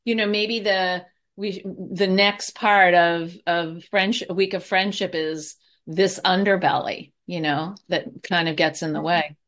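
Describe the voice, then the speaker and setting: Chatty woman, lower voice, giving advice. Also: fairly even intonation, slow, few pauses, fairly bright tone. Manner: chatty, with many fillers and restarts. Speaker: guest expert on anxiety. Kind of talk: conversational advice.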